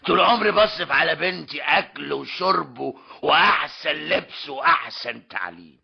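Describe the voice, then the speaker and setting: A mocking, stubborn older tradesman and father in an old radio comedy drama, with an Egyptian Arabic accent. His gravelly, husky voice swoops up and down theatrically. It comes through a dull, lo-fi old radio recording. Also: fairly high pitch, lively intonation, moderate pace, heavily acted. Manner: mocking, theatrical, keeps repeating a polite tag.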